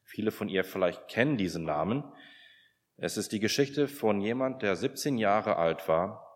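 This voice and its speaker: Man, low voice, sermon, storytelling, hesitant restarts, long hall reverb. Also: expressive, moderate pace. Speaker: preacher.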